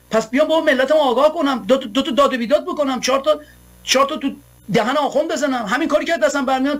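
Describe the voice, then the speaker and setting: A man's voice: very high-pitched, fairly bright tone. A man from Iran hosting a show, delivering an impassioned political monologue full of repeated rhetorical lines. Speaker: host.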